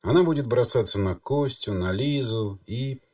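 A man reading an audiobook in measured, even storytelling narration. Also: medium pitch, dry recording, clean studio sound, far from the mic. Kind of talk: scripted narration.

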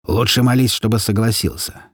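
Guy reading a rough threatening thug, swears a lot, husky voice. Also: lowish voice, fairly even intonation, a little fast, no echo, studio quality. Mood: menacing. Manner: coarse, threatening, cursing. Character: menacing gangster man, crude and threatening. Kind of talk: audiobook character voice.

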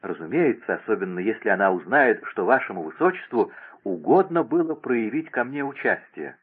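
A man's voice: lowish voice, big pitch swings, normal speed, breathy edge. A man reading aloud and voicing an anxious young lady-in-waiting who answers in a pleading, flustered way. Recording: tinny phone-like radio broadcast.

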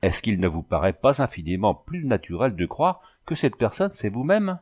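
Insistent young husband, questioning, low voice, read by a man. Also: big pitch swings, normal speed, a little mellow. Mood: pressing. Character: earnest young husband pressing his wife.

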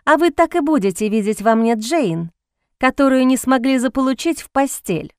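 A woman voicing a defiant, sharp-tongued young heroine in an audiobook. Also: sits high, lively intonation, normal speed, clean tone, dry recording, clean studio sound. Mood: scornful. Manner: defiant, hissing.

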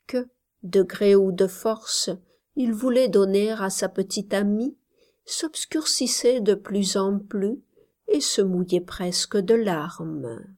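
A woman reading a literary short story aloud in a measured way, sometimes sinking to a soft whisper. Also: medium pitch. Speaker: narrator. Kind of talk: scripted literary narration.

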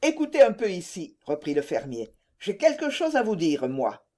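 A shameless country farmer talks smoothly and feigns indifference, as a woman reading the tale puts him on. The voice stays close to her own, with lively rises and falls. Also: mid-range voice, moderate pace. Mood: sly. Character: sly, shameless grown rural farmer.

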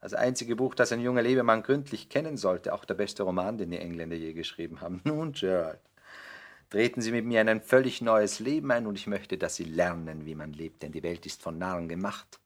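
In a 1960s German radio play, an actor with a fairly low, animated voice and moderate pace plays a suave, cynical English aristocratic dandy lecturing a young man. He sounds witty and cynical, polished, epigrammatic, worldly and condescending.

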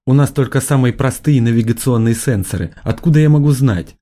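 A man's voice: medium pitch, fairly quick, mellow, pitched above the performer's own voice, close to an everyday voice. A male narrator voicing a curt, controlled female starship commander in an audiobook. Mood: irritated. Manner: clipped, controlled.

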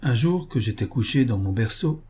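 A man reading as a witty young gentleman who teases his companions with playful tall tales. The voice is dark and husky in a novel read aloud. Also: mid-range voice, lively intonation, normal speed. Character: young Englishman, witty and teasing.

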